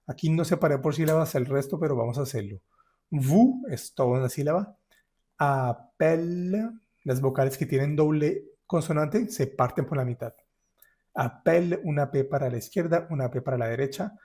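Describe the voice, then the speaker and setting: Man teaching French vowels, slow demonstrations. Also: mid-range voice, mellow, slightly rough. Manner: slow, drawn-out syllable-by-syllable demonstration. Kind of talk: pronunciation lesson.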